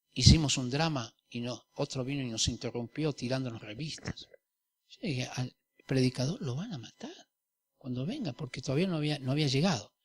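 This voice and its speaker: A middle-aged man preaching a sermon, telling personal stories and acting out the dialogue in different voices. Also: a little high. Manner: animated storyteller, acts out dialogue in varied voices. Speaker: pastor.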